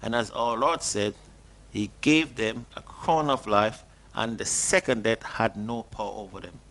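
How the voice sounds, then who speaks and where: A middle-aged man preaching a sermon and reading scripture at a desk, earnest and questioning, lifting his pitch on stressed words. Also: a little slow, a bit bright. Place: small indoor studio at a desk.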